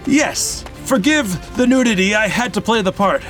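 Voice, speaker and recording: A woman's voice: medium pitch, lively intonation, normal speed, music in the background, close to an everyday voice. Storybook hero, young man, earnest and level; woman narrator voicing him. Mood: calm. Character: brave young male hero.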